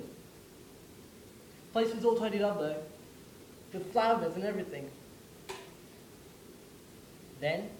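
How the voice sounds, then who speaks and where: A man's voice: high-pitched, darkish tone, echoey room, slight background noise, poor audio. A man playing the ghost of a young soldier from the First World War, who speaks wryly and directly to the listener. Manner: wry, conversational, addresses the listener directly. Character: ghost of a young English WWI soldier, wry. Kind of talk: theatrical monologue.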